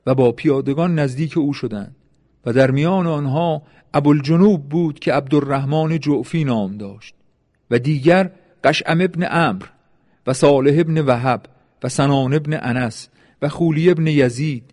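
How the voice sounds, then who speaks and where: A man reading a historical account as measured, solemn scripted narration. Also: fairly high pitch, darkish tone.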